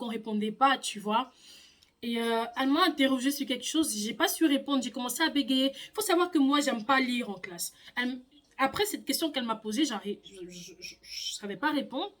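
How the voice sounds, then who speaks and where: Animated young woman telling a story. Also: on the high side, fairly quick. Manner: animated, dramatic storytelling, often stammering. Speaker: vlogger. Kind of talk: casual storytime vlog.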